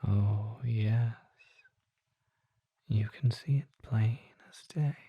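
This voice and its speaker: A performer gives voice to a courteous, curious vampire apothecary in ASMR style, softly and often in whispers, with genteel, leisurely, musing speech. The mid-range voice moves extremely slowly and carries a breathy edge. The audio is dull and the delivery exaggerated.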